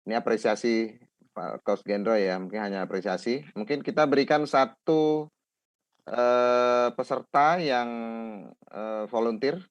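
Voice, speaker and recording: A man's voice: medium pitch, a little slow, no room sound. A man moderating a webinar over a video call, upbeat and giving brief praise. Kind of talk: hosting a webinar. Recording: dry, dull video call audio.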